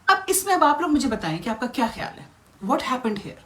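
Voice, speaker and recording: A woman's voice: high-pitched, sing-song, bright, forceful tone. A middle-aged woman with a Pakistani Urdu accent, telling stories as a vlog host in a casual monologue and slipping English phrases into her talk.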